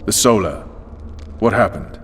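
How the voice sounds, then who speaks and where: Deep-voiced tough cop interrogator. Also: male voice, animated, unhurried, slight background noise. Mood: stern, probing. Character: gruff tough male cop, stern special forces commander interrogating. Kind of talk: video game voice acting.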